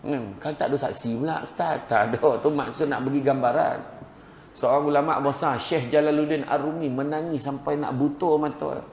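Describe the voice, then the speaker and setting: A man with a Malaysian accent giving a lively, jokey sermon as a preacher. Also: medium pitch, moderate pace. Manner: lively, jokey preaching with a rising, animated delivery. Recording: echoey hall with faint noise.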